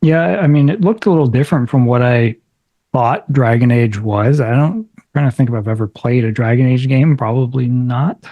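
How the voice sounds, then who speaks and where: A man's voice: mid-range voice, moderate pace, no echo, dull audio. Hedging man chatting about games. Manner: hesitant, hedging. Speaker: podcast co-host. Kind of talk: casual chat.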